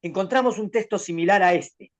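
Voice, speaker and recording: A man's voice: high-pitched, brisk, lo-fi sound. A rabbi teaching a Torah class to a student, explaining patiently and posing questions as he goes. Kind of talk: conversational Torah lesson with a student.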